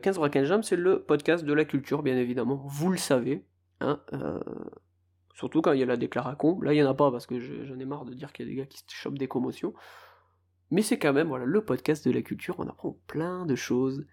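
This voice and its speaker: A man with a mid-range, gravelly, slightly mellow voice talks fairly quickly while hosting a casual solo podcast. He rambles and pokes fun at himself as he trips over the names of foreign teams.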